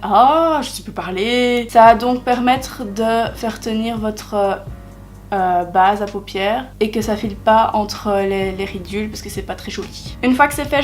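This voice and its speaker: A young woman talking through a makeup tutorial in a chatty way, with many hesitations and self-deprecating asides. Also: mid-range voice. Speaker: beauty vlogger.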